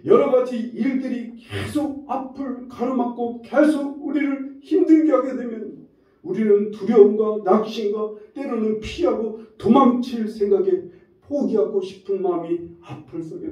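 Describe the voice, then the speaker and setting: A man preaching a Sunday sermon as the church's pastor, his delivery swelling and dropping, at times rising nearly to a shout. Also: high-pitched. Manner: preaching with frequent shifts in force, rising to near-shouts. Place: church sanctuary. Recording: roomy echo from a distance, dull lo-fi sound.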